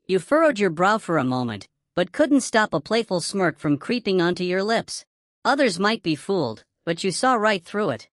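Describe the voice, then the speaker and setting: Woman narrating a story, lively pitch. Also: moderate pace, no room sound, clean studio sound. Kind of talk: scripted second-person story narration.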